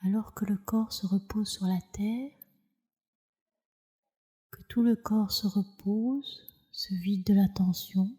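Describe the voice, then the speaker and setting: A yoga nidra teacher, a woman with a mid-range voice, leads a guided relaxation meditation. She speaks softly and soothingly at a measured pace, her intonation fairly even and her phrases ending breathily.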